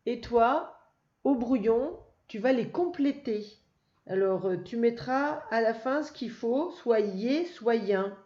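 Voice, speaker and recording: A woman teacher leads a reading lesson for small children, taking her time and encouraging the listener. Her voice is soft and mellow, and she speaks slowly. The recording is dull and lo-fi, with faint background noise. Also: a little high. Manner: slow, patient and encouraging, praising the child. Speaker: first-grade teacher.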